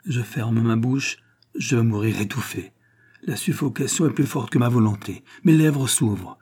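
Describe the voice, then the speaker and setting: Man, audiobook narrator, dark mellow tone, husky, dramatic first-person reading. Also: medium pitch, normal speed.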